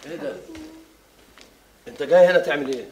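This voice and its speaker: An actor playing a hot-tempered young man with an Egyptian accent, shouting threats in a family quarrel in a film drama. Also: fairly high pitch, roomy sound, faint music behind, close to an everyday voice. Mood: confrontational. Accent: Egyptian Arabic. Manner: quick-tempered, shouting, mocking.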